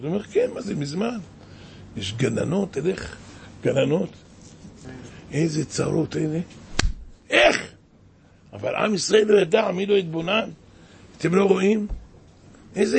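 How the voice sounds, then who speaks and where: A man's voice: fairly high pitch, gravelly, a little mellow, a little hiss or hum. A man preaching a sermon as a rabbi, impassioned and exclaiming, with many rhetorical questions.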